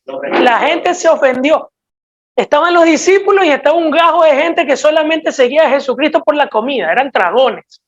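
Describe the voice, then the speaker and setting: A woman's voice: high-pitched, animated, moderate pace, slight background noise. A woman with an Ecuadorian accent preaching a sermon in a direct, emphatic, scolding way to a church congregation. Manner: emphatic, direct and scolding, with sudden swings in loudness. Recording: dull lo-fi recording.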